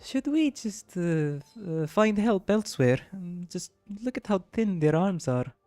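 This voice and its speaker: A man voicing a young woman from a game, with a deliberately clumsy mock Russian accent and a raised voice. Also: high voice, expressive, warm tone, no echo, soft background music, pitched above the performer's own voice. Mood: hesitant.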